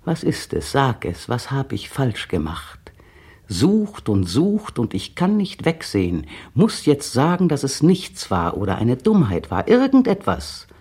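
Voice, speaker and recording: In a 1960s radio play, an actor plays a bitter, cold man who resents his partner, delivering the protagonist's precise, brooding inner monologue. His medium-pitched voice is husky, darkish and exaggerated, unhurried, with huge pitch swings.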